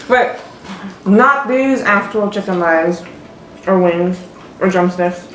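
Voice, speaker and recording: Female guest taster, mid-pitched, slow and easygoing, laughs often, roomy kitchen sound, faint noise behind. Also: fairly bright tone. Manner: unhurried, quick to laugh. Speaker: guest tasting the food. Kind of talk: casual eating vlog chat.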